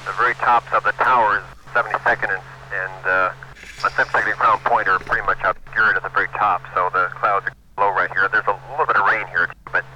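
A man's voice: on the low side, steady tone, quick pace, sharp tone. American man on a noisy radio. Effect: two-way radio. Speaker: radio net operator. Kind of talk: amateur radio traffic.

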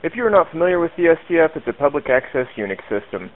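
A man's voice: fairly high pitch, big pitch swings, racing. Man heard over a tinny radio link. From Arkansas. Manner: formal, methodical, spells call signs phonetically. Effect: heard over a narrow-band radio link. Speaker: net control operator. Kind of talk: amateur radio net procedure.

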